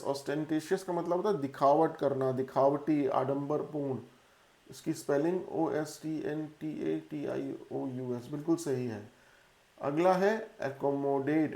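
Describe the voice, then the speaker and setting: A man's voice: a little high, a little mellow, reverberant. A man teaching an exam-prep English lesson in Hindi, spelling out words letter by letter. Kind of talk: classroom-style lesson.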